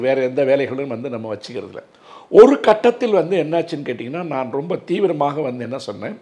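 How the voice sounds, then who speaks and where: 60s guy lawyer, kinda higher voice, talks emphatic and earnest, lots of fillers. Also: darkish tone. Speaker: advocate. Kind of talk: interview.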